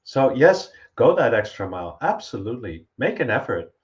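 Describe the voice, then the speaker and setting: A man's voice: mid-range voice, sing-song, normal speed. A man speaking earnestly and emphatically as a guest on a motivational panel. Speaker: guest coach for entrepreneurs. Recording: dull, lo-fi audio.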